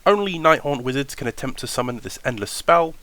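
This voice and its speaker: A man's voice: medium pitch, expressive, fairly quick, fairly bright tone. A young man hosting a wargaming tactics voiceover, sounding nasal from a cold and talking in an upbeat, enthusiastic way. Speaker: wargaming channel host.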